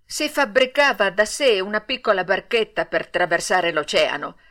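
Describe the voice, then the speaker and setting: A woman's voice: medium pitch, normal speed, fairly bright tone, natural voice. A woman voicing a large male pigeon in an audiobook, speaking steadily and matter-of-factly. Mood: calm. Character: big male pigeon, calm helper.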